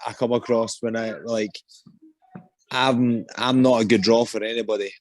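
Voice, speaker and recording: A man's voice: mid-range voice, fairly even intonation, normal speed. A young Scottish man, an MMA fighter, answering interview questions casually and hesitantly, with many ums and restarts. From Scotland.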